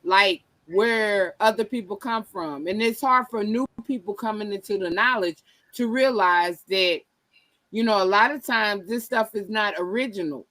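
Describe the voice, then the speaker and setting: A woman on a casual livestream panel, animated and playful, with slangy talk. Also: medium pitch, normal speed, no echo.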